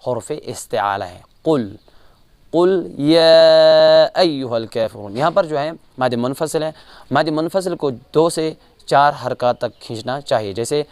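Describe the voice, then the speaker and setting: Kashmiri guy teaching quran recitation, smooth clear voice, chants verses slow and repeats sounds over and over, dry sound. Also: mid-range voice, lively intonation, no room sound. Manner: explains slowly, then chants each verse drawn out; repeats sounds many times to correct mistakes. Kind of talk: tajweed lesson with chanted examples.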